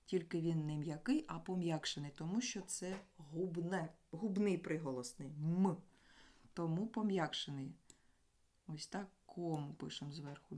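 A woman teaching a grammar lesson, explaining sounds deliberately and sounding out letters and words one by one. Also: low voice, darkish tone.

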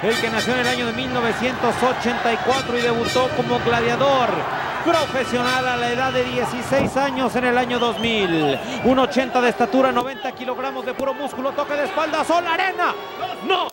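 A man with a Mexican accent giving excited, emphatic wrestling commentary with the patter of a ringmaster. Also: extremely high pitch, fairly quick, heavy background noise. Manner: showman-like, emphatic. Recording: very loud arena crowd behind.

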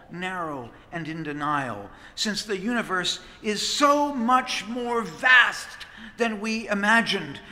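Standing at the pulpit of a big stone church, a middle-aged priest preaches with sweeping gestures and real expressiveness. His high, bright voice moves at a slow, measured pace. Every phrase carries a long reverb tail, captured through a stand-mounted pulpit mic.

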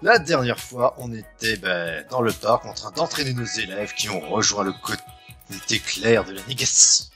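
Chatty let's-play host, a man, animated wry asides, game music under. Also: lowish voice, normal speed. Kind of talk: casual game commentary.

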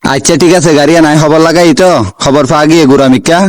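A bossy local fixer, acted by a man in a homemade comedy skit, speaks in a Chittagonian Bengali accent. His voice sits fairly high and he talks quickly. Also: fairly even intonation, crowd noise, close to an everyday voice. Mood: commanding, reassuring. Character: bossy local fixer men turn to for help. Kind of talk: amateur comedy skit acting in dialect.

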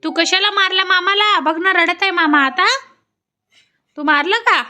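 A woman's voice: very high voice, unhurried, pushed and bright. A young woman vlogging at home on a phone, chatting to viewers and coaxing a toddler in a sing-song way. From Sakoli, Maharashtra. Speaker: family vlogger. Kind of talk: casual home vlog. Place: family home indoors.

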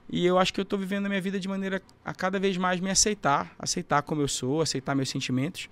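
A man with a Brazilian Portuguese accent, a musician guest on a podcast, talking in a reflective, soft-spoken way and closing thoughts with a tag question. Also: sits high. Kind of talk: casual podcast interview.

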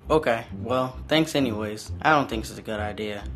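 A man's voice: mid-range voice, fairly quick, fairly bright tone, natural voice. A performer playing a young male football player who is tempted by drugs, in an amateur drama with music behind. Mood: hesitant. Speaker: student athlete character.

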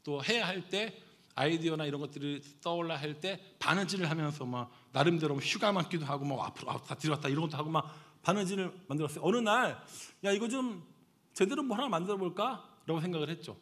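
Lively, bright-voiced Korean-speaking pastor man. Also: fairly high pitch, quick pace. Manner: animated, acts out dialogue, swings from loud to hushed. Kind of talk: sermon with storytelling.

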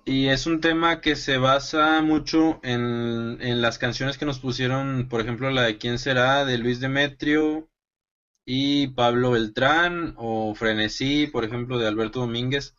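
A man, a songwriting student, presents his own bolero and sings it over a guitar, softly spoken between verses. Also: steady tone, measured pace, clear, resonant tone, highs cut off. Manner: soft-spoken, brief replies, then sings with rising pitch.

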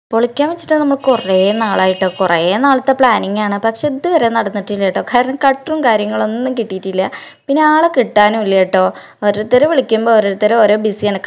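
A woman's voice: mid-range voice, a little mellow. A young woman from Kerala with a Malappuram Malayalam accent, narrating her home vlog in a chatty way and tagging her sentences with a friendly "tto". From Kerala, India. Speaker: vlogger.

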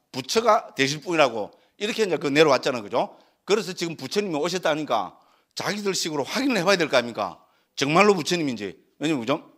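A middle-aged Buddhist monk with a Gyeongsang Korean accent lectures on scripture, constantly peppering his listeners with rhetorical questions. His voice is fairly high and fairly bright in tone.

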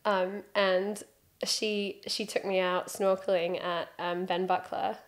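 A British woman in her thirties, a freediving instructor, is a guest on a podcast, sitting on a studio sofa against a plain wall. Close to a desk microphone and wearing headphones, she chats in a relaxed interview and tells her story with self-mocking humor. Her voice sits at medium pitch, level in tone and slow.

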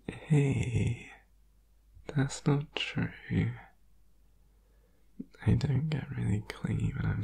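A man playing a needy, sleepy, affectionate boyfriend in an ASMR whispered role-play, tender and clingy, with a husky, creaky whisper. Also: medium pitch, warm tone, heavily acted. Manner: slow, tender, clingy, soothing. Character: needy, sleepy, affectionate boyfriend cuddling his partner in bed.

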